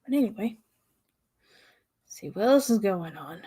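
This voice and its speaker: A young woman from the American South hosting her own podcast in a casual, rambling way, pausing often and sighing. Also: medium pitch, animated, dark tone, breathy edge. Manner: rambling, pauses often, sighs. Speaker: podcast host. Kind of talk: casual solo podcast talk.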